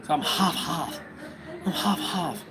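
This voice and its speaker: An American man chats loosely on a home livestream and drifts from one musing to the next. His voice sits fairly high for a man. Steady background noise runs under the recording. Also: slow. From United States. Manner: rambling, musing aloud to viewers. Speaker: livestream host. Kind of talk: casual livestream chat.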